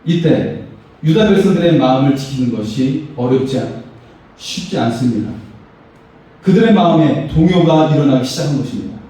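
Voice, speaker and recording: A man's voice: fairly high pitch, animated, normal speed, warm tone. A pastor, a man, preaching a sermon with emphatic, rising phrases. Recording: echoey hall, voice far from mic.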